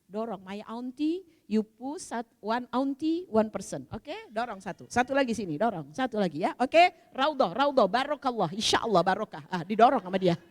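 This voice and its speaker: A woman's voice: on the high side, normal speed, few pauses. Chatty woman teacher, reverberant hall. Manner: chatty, animated, laughs and acts out dialogue. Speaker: Islamic women's study teacher. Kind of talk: storytelling religious talk.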